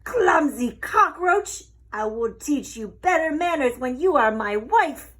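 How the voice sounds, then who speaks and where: A woman voicing a vain, pompous male rooster in a storybook, boastful and quick to temper. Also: high-pitched, expressive, pitched above the performer's own voice. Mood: furious. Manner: boastful, crooning, flamboyant. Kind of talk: storybook character voice.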